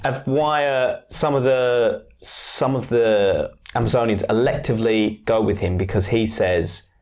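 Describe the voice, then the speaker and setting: Dude casually chatting, lots of yeahs, tossing out ideas. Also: male voice, medium pitch, a little slow. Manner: chatty, lots of backchannel agreement. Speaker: co-host. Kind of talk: casual podcast chat.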